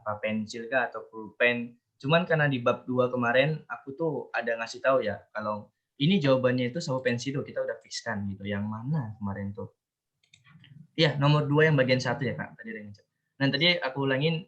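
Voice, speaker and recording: Man teacher, online class, casual chatty explainer, video call mic, mid-pitched everyday voice. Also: fairly bright tone, highs cut off. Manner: chatty, explains with repeated fillers and restarts. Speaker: Japanese language teacher.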